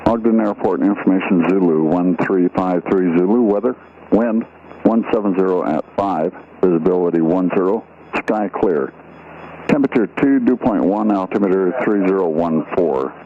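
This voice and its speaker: Deep-voiced man, recorded airport weather broadcast, tinny radio line, steady readout. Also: normal speed. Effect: recorded airport weather broadcast over aircraft radio. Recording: tinny radio transmission with faint hiss.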